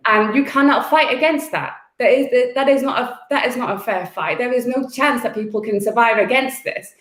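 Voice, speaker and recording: A woman's voice: fairly high pitch, moderate pace, fairly bright tone, reverberant. A woman activist raised in the UK, talking fervently and bluntly as a guest in an interview, repeating words as she presses her points. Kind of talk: impassioned interview talk.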